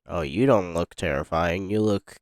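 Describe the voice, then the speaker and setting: A man giving casual let's-play commentary on a music game, relaxed and hesitant with many fillers. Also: sits low, normal speed, a little hiss or hum. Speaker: gaming YouTuber. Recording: music playing behind the voice.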